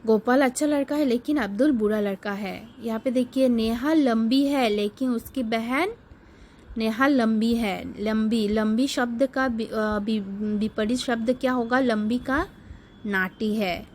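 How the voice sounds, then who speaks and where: Slow patient lady teacher going over sounds for kids, kinda high voice, faint hiss behind. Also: low-quality recording. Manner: patient, repeats words and sounds slowly for pupils. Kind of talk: online class lesson for children.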